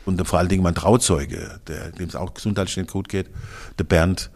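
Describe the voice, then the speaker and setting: A man's voice: low-pitched, steady tone, a little fast, darkish tone. A man in his sixties, a guest in a casual interview, talking in a blunt, colloquial and emphatic way with some crude slang. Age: 60s.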